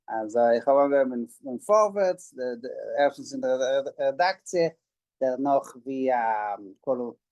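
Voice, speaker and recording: Halting Israeli-born man, dark voice. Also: mid-range voice, expressive, no echo, poor audio. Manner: halting, many filler sounds. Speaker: guest, Yiddish scholar. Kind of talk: interview answers.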